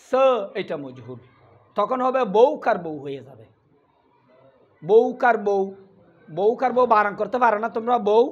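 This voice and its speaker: A male Quran recitation teacher leading a class lesson, repeating drills and asking questions he answers himself. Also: sits high. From Bangladesh. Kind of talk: classroom lesson with call and response. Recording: dull lo-fi sound with faint noise.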